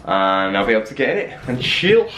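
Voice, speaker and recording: A man's voice: fairly low pitch, very animated, fairly quick, fairly bright tone, slight background noise. A young man from England chatting casually in a self-mocking way as he vlogs his day at home. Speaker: vlogger. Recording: roomy sound with faint music.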